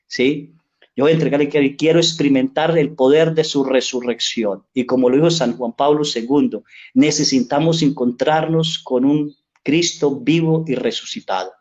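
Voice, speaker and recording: Male priest, pitched a bit high, earnest sermon storytelling, slightly lo-fi recording. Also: a little mellow. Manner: earnest storytelling, tag questions "¿sí?".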